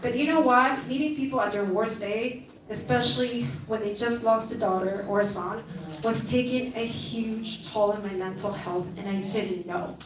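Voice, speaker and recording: A woman in her thirties from Peru speaks at a conference about her own life, lively and talkative, often finishing with "right?". She has a higher voice and a moderate pace. There's slight background noise, and the mic sits at a distance in the echoing hall.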